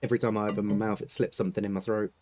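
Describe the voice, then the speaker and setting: British man, casual gaming chat, low mellow voice, relaxed, laughs a lot. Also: very fast. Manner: laid-back, laughs often, clears throat. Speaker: gaming channel host.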